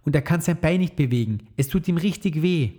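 A man voicing an eager little girl in a storybook, in a high, bright childlike voice. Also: lively intonation, brisk. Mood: worried.

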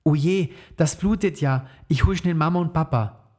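A man voicing an eager little girl in a storybook, in a high, bright childlike voice. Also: normal speed, close to an everyday voice. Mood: worried.

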